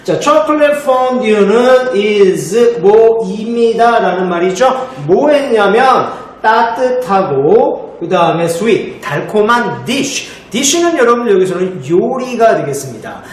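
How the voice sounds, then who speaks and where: A man's voice: sits high, animated, slow pace, hardly any pauses. A man teaching English in a remote lesson for middle school students, explaining step by step and answering his own questions. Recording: echoey room, faint noise.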